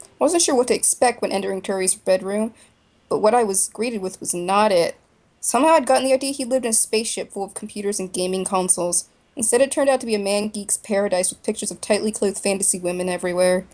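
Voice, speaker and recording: A woman's voice: medium pitch, fast talker, a little mellow. Woman narrating a story. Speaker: narrator and main voice actor. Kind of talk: first-person story narration for a voice drama.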